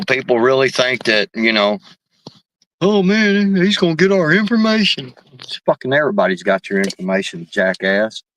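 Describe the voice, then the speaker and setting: With a mid-range, fairly bright voice and no echo around him, a man runs a casual live stream and reads viewers' chat. He's loose and profane, saying "man" and "bro" all the time.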